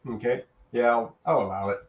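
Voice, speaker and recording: A man acting as game master, calmly making rulings in a tabletop game over voice chat. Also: mid-range voice, a little fast, lo-fi sound.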